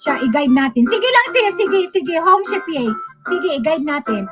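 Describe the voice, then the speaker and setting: High-voiced chatty Filipina livestream host. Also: female voice, sing-song, normal speed. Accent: Bicolano-tinged Filipino. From Bicol region, Philippines. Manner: chatty, laughs often, trails off with fillers. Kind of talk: casual livestream chat reading viewer comments. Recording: lo-fi livestream with background music.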